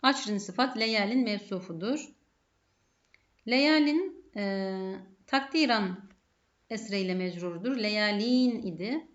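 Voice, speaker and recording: A Turkish-accented woman talks through a grammar lesson in a methodical way, often putting a question and answering it herself. Her voice sits at an ordinary pitch, and the recording is dull and lo-fi. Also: lively intonation, takes it slowly. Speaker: Arabic grammar teacher.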